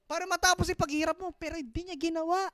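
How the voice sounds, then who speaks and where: A Filipino woman delivers a sermon in a high, bright voice, and the sound is dry and close. She swings from loud exclamations to hushed storytelling, calling out "Amen" to her listeners. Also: fairly even intonation, racing, no room sound. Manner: mixes English into her preaching, calls out "Amen". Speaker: preacher.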